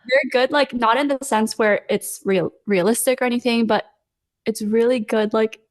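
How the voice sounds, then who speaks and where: This young Los Angeles woman, an artist guesting on a podcast, keeps a steady tone at a moderate pace, her voice on the high side. She talks hesitantly in a casual interview, full of fillers and small laughs.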